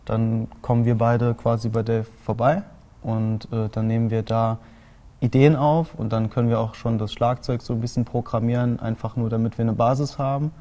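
Dark-voiced young man in a TV interview. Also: mid-range voice, flat delivery, normal speed. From Saarland, Germany. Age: 20s. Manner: long explanations with many fillers. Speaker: band guitarist. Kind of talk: studio interview answers. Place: small TV studio with colored lights.

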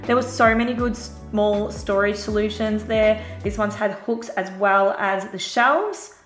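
A chatty woman talks through a store haul in a relaxed, easygoing way, full of little fillers. Her voice sits at an ordinary middle pitch. The recording is roomy, with faint music underneath. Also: a little slow. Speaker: vlogger. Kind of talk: casual shop-with-me voice-over.

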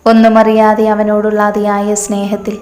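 A woman's voice: medium pitch, completely flat delivery, normal speed, darkish tone. A woman reads a romance story aloud in a level, evenly paced voice with little rise and fall. Her voice rings out in an echoey room, and each phrase trails off into a long reverb.

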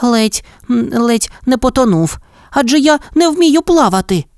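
A woman doing a squeaky frightened hare. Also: lively intonation, a little slow, darkish tone, dry recording, studio quality. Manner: high, panicky, breathless-sounding cries. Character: frightened small male hare. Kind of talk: storybook voice acting.

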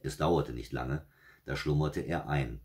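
A man calmly reading a fairy tale aloud at an unhurried pace. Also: extremely low pitch. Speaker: storyteller.

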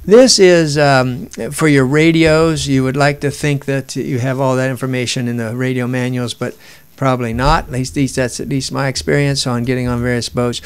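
A man's voice: mid-range voice, steady tone, moderate pace, clear, resonant tone. A man giving an informal lesson while looking through documents on screen, rambling with restarts and fillers. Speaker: instructor.

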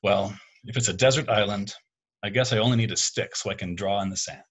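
A man reading aloud voices a protective middle-aged father who jokes easily and stays calm under pressure. The tone is low and slightly husky. It is the reader's own voice with barely any change. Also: a little fast. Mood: joking. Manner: calm, gently joking.

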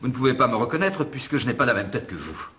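Give me a bumbling, stammering viscount from a radio play. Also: male voice, medium pitch, big pitch swings, fast, bright, forceful tone. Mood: flustered. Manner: stammering, nervous. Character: flustered bumbling aristocratic viscount.

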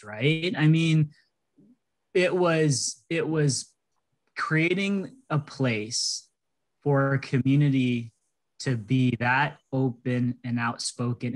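A man in his thirties joins a panel discussion over a video call, talking earnestly and conversationally with frequent restarts. His voice sits at a medium pitch, and the laptop webcam mic in a small indoor room yields low-quality audio.

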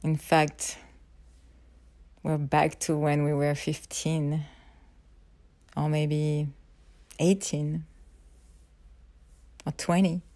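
Female voice for intimate guided visualisation: soft, close in the ear, even and low in pitch, unhurried. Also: no room sound. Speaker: guide of a self-love ritual. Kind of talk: intimate guided visualisation, spoken softly to a partner.

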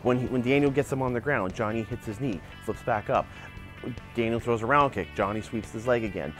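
This forties-aged martial arts host argues a point with animated gestures while recording outdoors by a backyard wooden fence. Faint music plays behind his fairly quick, mid-range voice, picked up by a lapel mic during his opinionated commentary.

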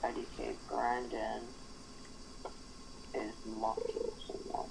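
A co-player on a game stream, talking quietly and offhand. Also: mid-range voice, monotone, slow pace, vocal fry, rough recording. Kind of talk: casual game chat.

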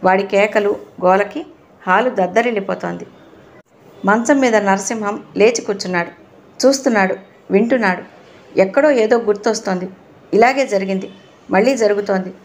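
Gravelly-voiced woman narrating a novel. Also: medium pitch, moderate pace, long pauses. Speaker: audiobook narrator.

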